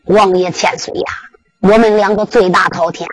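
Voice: medium pitch, steady tone, moderate pace, faint music behind, pitched below the performer's own voice, natural voice. A storyteller with a Henan accent voicing a young warrior who pleads with deference and earnest humility. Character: young warrior, humble and blood-soaked, earnest.

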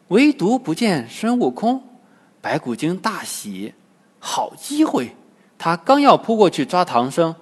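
A man telling a classic story to children in a lively, expressive storytelling voice. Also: a little high, in a large hall.

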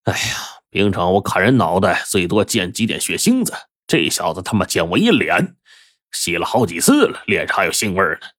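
Man playing a gruff boastful executioner, blunt, low voice. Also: big pitch swings, a little fast, fairly bright tone, no echo, clean studio sound, exaggerated voice. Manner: blunt, coarse.

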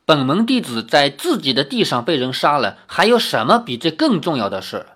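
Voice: medium pitch, sing-song, a little fast, fairly bright tone, husky. A storyteller reading a novel aloud expressively, adding casual asides.

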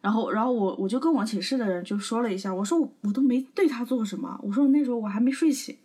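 A woman's voice: a little high, fast talker, warm tone, husky. A young adult woman co-hosting a podcast, telling a long anecdote in casual, rambling chat. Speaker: podcast co-host.

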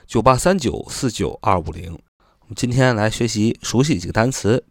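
A man hosting a spoken vocabulary lesson who repeats and spells out words slowly, with chatty fillers. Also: lowish voice, lively intonation, no room sound, studio quality. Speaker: English vocabulary teacher.

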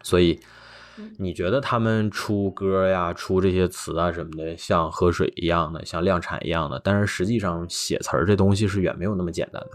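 Low-voiced man chatting casually. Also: fairly quick. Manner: rambling, relaxed, many fillers. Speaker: podcast host. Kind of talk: casual chat about hip-hop.

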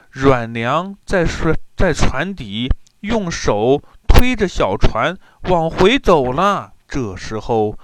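A man telling a traditional tale to children in an expressive, drawn-out storytelling manner. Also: fairly high pitch, slight background noise.

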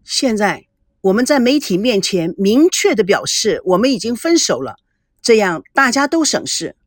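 Lady reading a guilty young guy, stammery and defensive, lively pitch. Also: moderate pace, no room sound, clean studio sound. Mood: hesitant, defensive. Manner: hesitant, defensive. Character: young man, awkward and guilty.

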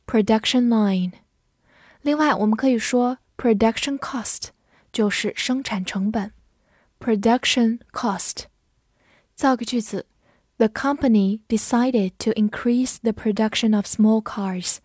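Slow, careful woman teaching vocabulary. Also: a little high, a little mellow, no echo, studio quality. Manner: slow, careful, repeats each word for learners. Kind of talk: recorded vocabulary lesson.

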